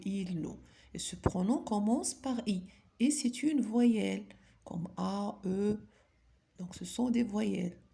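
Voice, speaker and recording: A female French teacher with a mellow, medium-pitched voice and some vocal fry leads a grammar lesson. She patiently poses questions to her pupils and then answers them herself.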